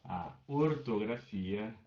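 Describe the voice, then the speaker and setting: This man's voice sits on the low side, dark in tone and expressive, and he speaks slowly. He is teaching a live online class, pausing patiently to check on his students as he goes. The sound comes through a webcam mic with dull, lo-fi class-call quality.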